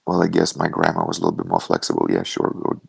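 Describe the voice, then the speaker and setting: A young man from Lithuania, a fighter telling his story over a video call in a relaxed, rambling way with lots of "like". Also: rumbling low, fast, vocal fry, breathy edge, no room sound. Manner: relaxed storytelling, many "like" fillers. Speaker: guest, professional fighter.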